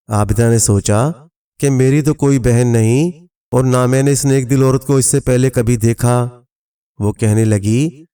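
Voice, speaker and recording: A man reading a scripted folk tale aloud as a storyteller, in a steady, even manner, quoting each character without changing his voice. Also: mid-range voice, clear, resonant tone. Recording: narration from a distance over faint music.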